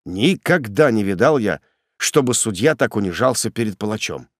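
A man voicing a grim male executioner who talks down to his prisoner in a cold, sneering, gruff way. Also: on the low side, animated, normal speed, no room sound, studio quality, lightly acted. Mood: scornful. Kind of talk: audiobook character voice.

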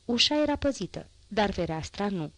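A woman narrating a classic novel as an audiobook, in a measured literary reading. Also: medium pitch, big pitch swings, fairly bright tone, no echo. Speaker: audiobook reader.

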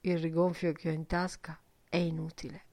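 A woman reading a literary novel aloud as audiobook narration, measured and deliberate. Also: sits low, little pitch movement, darkish tone, no echo. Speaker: audiobook reader.

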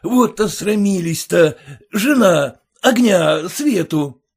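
Man doing a blustering husky merchant. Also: fairly high pitch, animated, a little slow, pitched above the performer's own voice, heavily acted. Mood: flustered. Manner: shouting, blustering, fawning. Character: fussy loud middle-aged male merchant.

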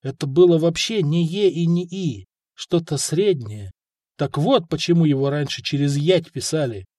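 A man's voice: fairly high pitch, normal speed, dry recording. Male audiobook narrator, raised dry voice. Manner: even, storytelling reading. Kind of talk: scripted narration.

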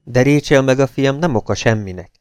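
A man's voice: mid-range voice, darkish tone, clean tone, dry recording, clean studio sound, voice pushed up, close to an everyday voice. A man voicing a bitter, angry man who speaks curtly and harshly. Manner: curt, harsh delivery. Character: bitter, angry middle-aged man, curt and cold.

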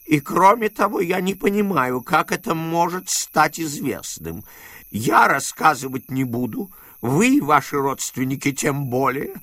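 A man voicing a shrill, frightened old miser uncle. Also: sing-song, fairly bright tone, dry recording, clean studio sound, full character voice. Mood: nervous, blustering. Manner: shrill, pleading, quick to bluster.

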